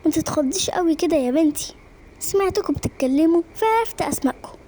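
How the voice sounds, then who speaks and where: A woman voicing a strange, mysterious old man in an animated story, speaking slowly and calmly. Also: extremely high pitch, a little hiss or hum.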